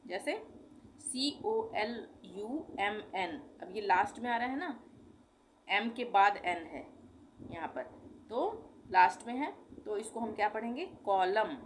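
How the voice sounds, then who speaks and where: A woman's voice: mid-range voice, lively intonation, slow, slight background noise. A woman teaching a language lesson, patiently spelling out words letter by letter and repeating each one.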